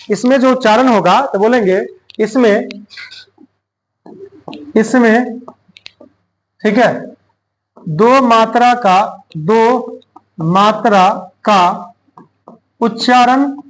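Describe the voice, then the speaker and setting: A male teacher giving a grammar lesson, dictating slowly and repeating phrases word by word. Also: very high-pitched, fairly even intonation.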